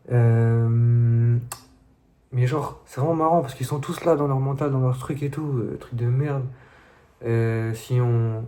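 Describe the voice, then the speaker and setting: A man's voice: mid-range voice, warm tone. A young man telling stories to his viewers in a casual, slangy, laid-back way. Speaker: vlogger. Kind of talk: casual storytelling monologue to viewers.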